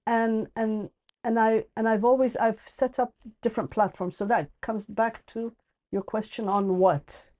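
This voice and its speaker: A woman's voice: mid-range voice, warm tone. A middle-aged woman from Ethiopia and the UAE, a podcast guest talking in a thoughtful, hesitant way with many restarts. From born in Ethiopia, raised in the UAE. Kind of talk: casual conversational interview.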